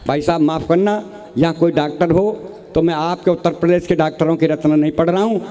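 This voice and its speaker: Older male comic poet in his sixties, Rajasthani accent, anecdotal stage delivery, higher-pitched voice. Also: steady tone, fairly quick, mellow. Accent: Rajasthani Hindi. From Rajasthan, India. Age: 60s. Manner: anecdotal storytelling, acting out dialogue. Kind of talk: stage comic poetry recital.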